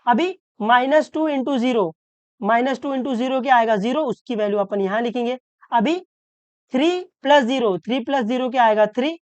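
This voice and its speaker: Woman tutor slowly walking through maths. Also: on the high side, no room sound. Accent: Hindi-English mix, Maharashtra. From Maharashtra, India. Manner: checks understanding with repeated questions; slows down to stress key rules. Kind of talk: step-by-step maths lesson.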